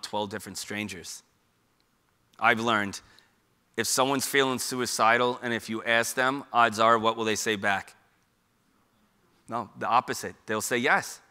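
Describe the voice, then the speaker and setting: Speaking on suicide prevention in a casual public talk, a middle-aged New Yorker from Queens uses a mid-range voice that sounds pushed and bright. He is conversational yet emphatic and leans heavily on rhetorical questions.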